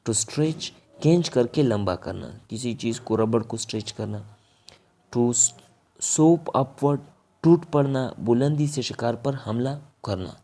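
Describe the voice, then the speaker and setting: A man's voice: medium pitch, animated, mellow. A man with a Pakistani accent teaching a vocabulary lesson. He says each word, then explains its meaning.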